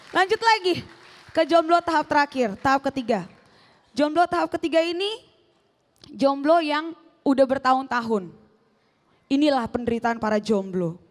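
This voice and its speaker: A woman's voice: high-pitched, long reverb tail. A young woman doing a stand-up set on stage, in slangy casual talk, playful, acting out quoted voices. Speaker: stand-up comedian. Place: stage before a live audience.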